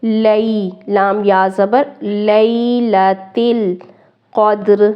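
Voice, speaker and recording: A woman teaching word-by-word Quran recitation, saying each word slowly and deliberately, then explaining pronunciation patiently step by step. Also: a little high, fairly even intonation. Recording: muffled lo-fi recording.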